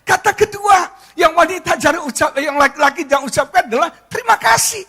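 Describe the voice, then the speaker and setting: A middle-aged male pastor, giving a joking, animated sermon to his congregation. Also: extremely high pitch, brisk, creaky, shouting. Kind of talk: lively humorous sermon.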